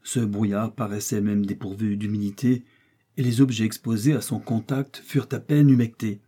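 A man narrating a classic novel in a measured, even storytelling manner. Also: lowish voice, husky. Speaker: audiobook narrator. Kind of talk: scripted narration.

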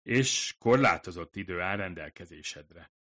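A man's voice: low-pitched, expressive, pushed and bright, exaggerated voice. A man voicing a shy young woman who works as a café waitress and speaks hesitantly, sometimes stammering. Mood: explaining.

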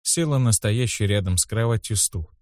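A man narrating a first-person audiobook in a steady, measured way. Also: on the low side, dry recording, clean studio sound.

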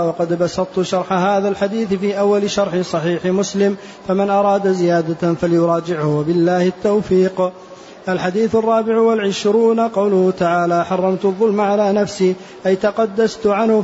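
A man reading a classical text aloud to his teacher in a steady recitation, spelling out vowel markings word by word. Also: sits high. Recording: dull lo-fi lecture recording with faint hiss.

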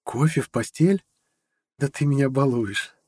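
A man reading an audiobook, voicing a playful, teasing young woman, the narrator's girlfriend, in a lighter, higher voice. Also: unhurried, warm tone, breathy edge, no echo. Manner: light, teasing, giggly speech.

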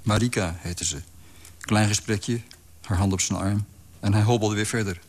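Calm man reading a story. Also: lowish voice. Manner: calm, measured reading with quoted dialogue. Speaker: narrator. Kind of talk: scripted literary narration.

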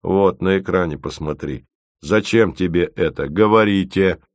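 A man voicing a tired, sardonic male computer that speaks in a measured, precise way. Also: low voice, no echo. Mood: weary.

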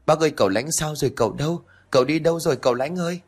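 A man's voice: lowish voice, sing-song, husky. A man voicing a frantic, grieving young woman. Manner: frantic, tearful, rushed.

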